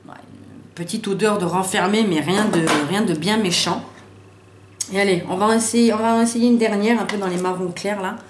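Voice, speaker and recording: A woman doing a casual makeup haul video, talking in slangy, excitable bursts and swearing freely as she tests colours and trips over English names. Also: medium pitch, moderate pace. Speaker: beauty vlogger. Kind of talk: casual haul review with swatches. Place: sunny room at home. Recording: roomy echo, faint background hiss.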